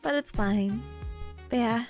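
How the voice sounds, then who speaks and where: A young woman hosting a study stream chats casually with viewers and reads their messages, bubbly and giggly even though her voice is partly worn out. Her voice is a little high with a darkish tone, her pace slow, over soft background music.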